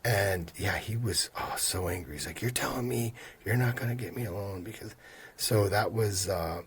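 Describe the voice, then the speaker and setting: Fifty-something mortgage guy telling stories, lowish voice, does the customers' voices. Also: normal speed, breathy edge. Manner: animated storyteller who acts out quoted customers. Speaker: mortgage lender guest. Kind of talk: casual storytelling interview.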